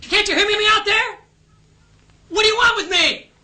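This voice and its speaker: Terrified captured GI, American accent, yelling from afar, very high and shrill. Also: male voice, slow pace, heavily acted. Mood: panicked shouting. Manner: frantic shouting from a distance. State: panicked. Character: frantic captured young American soldier, locked up.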